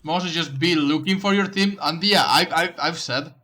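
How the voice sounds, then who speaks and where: A man's voice: on the high side, moderate pace, pushed and bright. A man reviewing someone's game footage, coaching them in casual commentary, often stumbling and restarting his sentences. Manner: coaching, direct advice.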